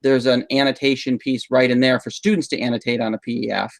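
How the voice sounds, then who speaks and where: A man's voice: medium pitch, little pitch movement, fast, gravelly, no room sound. Male tech trainer, patient explainer, dry close video-call sound. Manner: patient, explanatory, frequent um fillers. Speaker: instructional technology trainer. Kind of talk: live online teacher training session. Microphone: video call mic.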